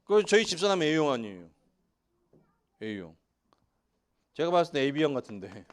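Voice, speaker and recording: Preaching in the sanctuary, this pastor from Seoul has a fairly high-pitched male voice and talks at a normal speed. He keeps things light, joking with his congregation through lively asides.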